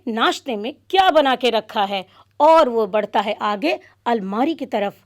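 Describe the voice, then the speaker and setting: High-voiced woman telling a children's story. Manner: expressive, explanatory narration. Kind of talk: storytelling demonstration for teachers.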